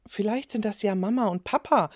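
A woman's voice: fairly high pitch, normal speed, background noise, pitched above the performer's own voice. A woman voicing a young boy, eager and a bit timid, in a children's storybook reading. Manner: eager, excitable.

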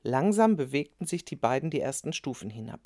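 Female storybook narrator, low, lively, dry close sound. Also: fairly quick, dry recording. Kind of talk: storybook reading.

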